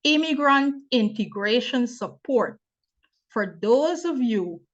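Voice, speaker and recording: A young woman from Guyana, hosting and moderating a webinar on a video call, speaking in a measured, formal way. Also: on the high side, expressive. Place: home or office on video call. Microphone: laptop mic on video call. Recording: dull lo-fi video call audio.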